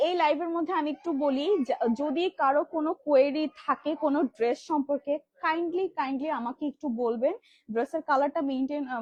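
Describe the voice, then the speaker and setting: High, rapid-fire woman selling live. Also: darkish tone, dry recording. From Bangladesh. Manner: rapid, filler-heavy sales patter. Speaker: live sales host. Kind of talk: live product demo selling kids' dresses. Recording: dull lo-fi livestream audio.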